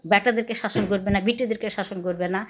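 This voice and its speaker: A woman with a Rajshahi Bengali accent talks straight to her viewers in a casual home vlog. She speaks quickly and at an ordinary middle pitch. She sounds aggrieved, circles back over the same points and keeps asking listeners to judge her side. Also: steady tone, a little hiss or hum. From Bangladesh. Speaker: vlogger.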